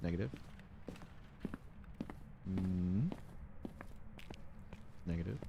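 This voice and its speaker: A man's voice: low voice, extremely slow, vocal fry, lo-fi sound, background noise. A man in his thirties streaming a game, chatting casually and jokily, rambling between stories and swearing now and then. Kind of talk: casual gaming stream chat.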